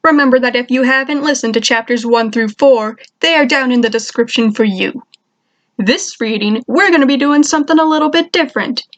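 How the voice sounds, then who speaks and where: A woman hosting her own fan fiction reading, chatting casually in an energetic, playful way. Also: high voice. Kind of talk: casual chat.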